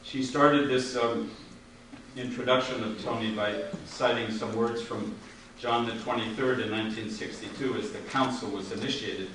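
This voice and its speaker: A man's voice: mid-range voice, fairly even intonation, normal speed. A man hosting an event gives a formal introduction, reading a written tribute aloud. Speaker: host introducing a guest speaker. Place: large echoey room, far from microphone. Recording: very echoey, distant, noisy hall.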